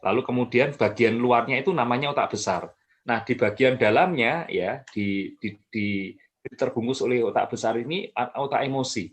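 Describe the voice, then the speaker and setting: Calm explaining man, mid-pitched. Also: normal speed. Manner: calm, explanatory, many fillers and restarts. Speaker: mental health expert guest. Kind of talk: explanatory talk.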